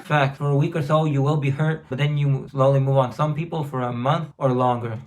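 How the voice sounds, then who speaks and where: A man's voice: mid-range voice, fairly even intonation, brisk. A man hosting a music reaction video, talking in hyped, slang-filled casual commentary that answers the song lyrics. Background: song playing underneath.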